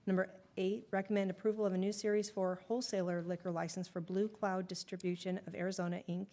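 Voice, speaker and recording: Female city clerk, rapid monotone agenda reading, mellow timbre. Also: mid-range voice. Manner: flat, businesslike reading. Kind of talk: reading agenda items aloud.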